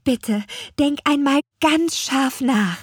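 A woman voicing an eager, earnest young apple witch girl in an audiobook, with a bright, pleading delivery. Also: sits high, slow pace, no echo, studio quality, voice pushed up. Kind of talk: audiobook character voice.

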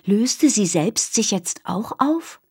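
A woman narrating a children's novel in an expressive storytelling manner. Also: medium pitch, slow pace, slightly rough, no room sound, studio quality. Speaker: audiobook narrator. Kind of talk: scripted narration.

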